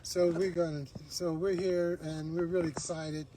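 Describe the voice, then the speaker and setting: A woman co-hosting a casual livestream chat from a car, talking in a relaxed, chatty way. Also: lowish voice, moderate pace, a little hiss or hum, rough recording. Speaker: co-host.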